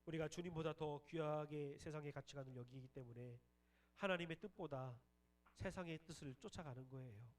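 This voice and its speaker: A man's voice: a little high, normal speed. Earnest young man preaching, distant mic. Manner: earnest, building to fervent emphasis. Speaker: pastor. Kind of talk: sermon. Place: church worship hall. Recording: distant mic in a hall, faint hum.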